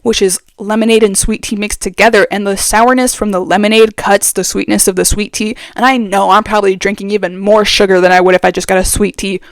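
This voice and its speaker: A woman's voice: medium pitch, fairly even intonation, a little fast, hardly any pauses, dry recording. A young woman vlogger chatting casually and with strong opinions, full of fillers, speaking very close to the microphone. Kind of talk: casual chat. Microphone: very close to the mic.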